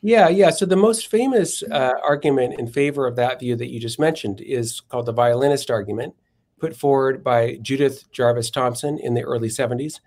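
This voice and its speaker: A man, a guest in a podcast interview, explaining philosophical arguments in a measured, methodical way and often correcting himself mid-phrase. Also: medium pitch, darkish tone.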